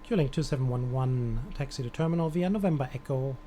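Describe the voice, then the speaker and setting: On a live stream, a man with a warm, mid-range voice plays an air traffic controller. He gives measured procedural clearances, dropping in casual asides.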